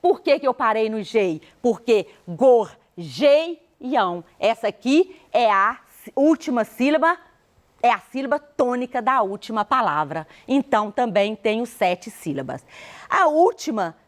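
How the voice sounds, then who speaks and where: A woman's voice: a little high, sing-song, normal speed. A woman teacher with a Brazilian accent gives a televised school lesson, explaining step by step, counting aloud and asking the class rhetorical questions. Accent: Brazilian Portuguese. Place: studio.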